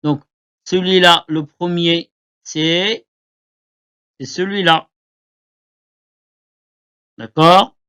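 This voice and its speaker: A man teaching Arabic letters to beginners, repeating each word slowly for learners to copy. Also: fairly high pitch, fairly even intonation, pushed and bright, clear, resonant tone. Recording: dull lo-fi recording.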